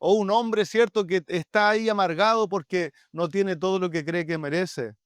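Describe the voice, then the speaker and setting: A man's voice: high voice, fairly even intonation, normal speed, clear, resonant tone, dry recording. A man with a Chilean Spanish accent, a pastor preaching a sermon in an earnest, pleading way, often addressing his listeners directly.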